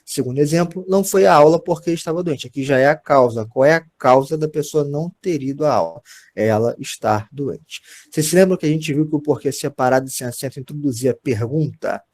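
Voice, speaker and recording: Man, Brazilian accent, grammar teacher, patient explanations, frequent check-ins, slightly high voice. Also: a little fast, darkish tone. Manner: explains patiently, often checks in with "tá certo?" and "gente". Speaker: Portuguese teacher. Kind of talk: recorded grammar lesson.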